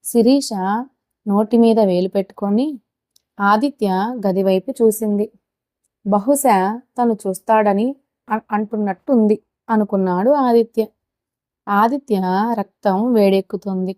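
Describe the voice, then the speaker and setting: Female storyteller, steady expressive audiobook narration, warm timbre. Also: mid-range voice, unhurried, long pauses, no echo, clean studio sound.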